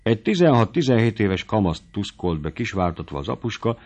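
A man reading a story aloud with a measured narrating voice. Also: on the low side, very animated, darkish tone. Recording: dull lo-fi recording.

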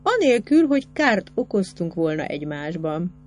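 Brief: a placid, matter-of-fact old gentleman, pleased with himself, voiced by a woman with a low voice. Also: very animated, slight background noise. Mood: contented. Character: plain, contented older gentleman.

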